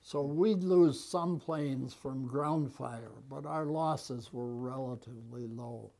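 Very slow, elderly American man. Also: medium pitch, vocal fry, mellow. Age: 90s. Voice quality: aged voice. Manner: halting, with long pauses. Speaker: war veteran being interviewed. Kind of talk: conversational reminiscence. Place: small office, indoors. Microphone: lapel mic.

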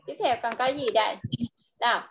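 A woman's voice: a little high, normal speed, breathy edge. A woman teaching English to a child one on one, patiently coaxing him and modeling short phrases for him to repeat.

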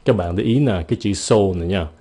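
A man's voice: deep voice, quick pace, dark tone, husky. A man from Vietnam teaching English phrases in a casual video lesson, playful and showing how each phrase should sound. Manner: playful, demonstrates phrases with shifting intonation.

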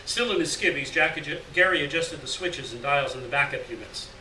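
This middle-aged man reads a short story expressively at a live gallery event, performing the dialogue in a sharp, fairly quick voice on the high side. Recorded from a far camera while he speaks into a gooseneck mic at the lectern, it comes across roomy and distant with some faint background noise.

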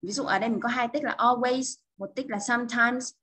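A woman with a Vietnamese accent gives a bilingual English lesson. Her voice is fairly high and a little husky. She slows down for the English phrases and keeps checking that her students follow. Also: fairly even intonation, sharp tone, low-quality recording. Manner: explains step by step, often checks with "được chưa?". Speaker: English teacher.

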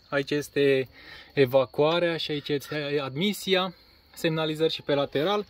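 A Romanian man casually showing his caravan outdoors, talking plainly with a few fillers while filming on a phone. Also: on the high side. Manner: plain, matter-of-fact, pauses with fillers. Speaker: caravan seller. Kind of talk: casual walkaround presentation. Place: outdoors on a grassy lot beside a caravan. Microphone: phone camera held by the speaker.

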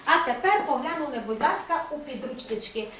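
Middle-aged woman, primary teacher, patient and coaxing; high voice, picked up from far off in a very echoey classroom. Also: expressive, brisk, fairly bright tone. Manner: patient, coaxing, praising pupils. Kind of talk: open classroom lesson. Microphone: distant camera mic. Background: faint room noise.

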